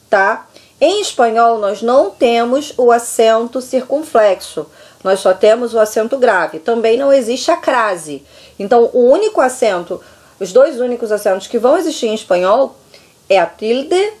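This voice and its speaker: A woman's voice: a little high, a little mellow. A woman from Brazil whose first language is Portuguese, teaching a recorded class and explaining step by step, often checking in with the students. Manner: explanatory, repeats points with "tá?" checks. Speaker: Spanish teacher. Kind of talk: recorded online class lecture.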